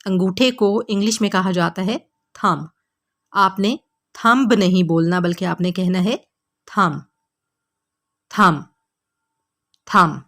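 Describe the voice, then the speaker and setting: Woman teaching English, slow drills. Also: mid-range voice. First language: Urdu. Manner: slow, repeated word drills for learners. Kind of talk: scripted lesson narration.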